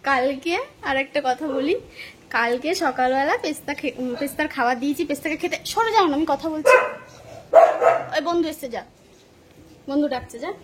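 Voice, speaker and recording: A woman's voice: high voice, normal speed, pauses often, heavy background noise. A woman, chatting to her viewers while cooking at home and telling stories with frequent laughter. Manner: chatty, storytelling, laughing often. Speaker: vlogger. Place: home kitchen.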